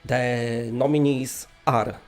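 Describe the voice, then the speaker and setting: A man's voice: medium pitch, steady tone, slow, over music. A man with a Polish accent presenting an award in a casual, rambling, tongue-in-cheek way.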